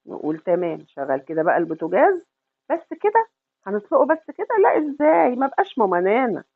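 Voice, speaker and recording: A middle-aged cooking channel host with an Egyptian Arabic accent runs a home cooking tutorial, speaking affectionately, calling the viewer sweetheart, and asking and answering her own questions. Her mid-range voice is recorded dry, with narrow, tinny audio.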